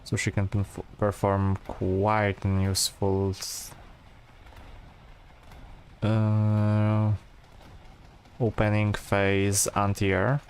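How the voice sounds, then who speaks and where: A man giving relaxed, rambling gameplay commentary, full of fillers and restarts. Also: lowish voice, very slow, gravelly, long pauses, a little hiss or hum. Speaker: gameplay streamer.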